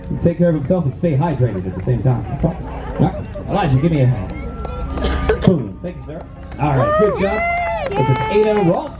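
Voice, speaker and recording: A man announcing at an outdoor festival stage, with upbeat, lively emcee patter. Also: on the high side, brisk, pauses often. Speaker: event emcee. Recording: roomy PA sound with crowd and music, lo-fi.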